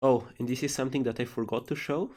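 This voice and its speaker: A man's voice: mid-range voice, fairly even intonation, quick pace, darkish tone. Male game developer, casual livestream Q&A delivery, reading questions and replying. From Slovenia.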